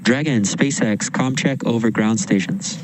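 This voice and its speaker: A man's voice: lowish voice, a little slow. Guy from mission control on astronaut radio, short procedural calls, noticeable static. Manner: procedural, clipped radio phrasing. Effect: radio transmission. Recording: noisy radio loop.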